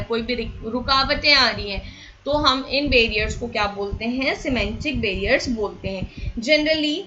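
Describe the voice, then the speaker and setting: A woman's voice: a little high, pushed and bright, lo-fi sound, a little hiss or hum. A woman teacher giving an explanatory lecture, talking casually and asking the class rhetorical questions. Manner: conversational, frequent rhetorical questions and fillers.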